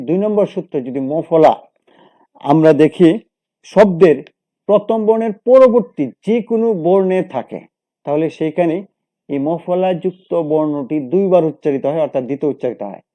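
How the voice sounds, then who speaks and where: Male teacher, slightly high voice, very dark and mellow tone, methodical classroom explaining. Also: moderate pace. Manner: methodical, repeats rules and examples, self-corrects. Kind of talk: explaining a grammar lesson.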